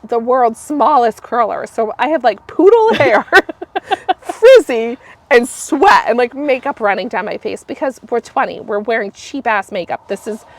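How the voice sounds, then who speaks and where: A woman in her thirties, talking in a casual podcast chat, with a somewhat high voice worn raspy by illness. She tells stories in a chatty, laughing way and coughs between sentences. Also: expressive, normal speed, no echo. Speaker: podcast guest.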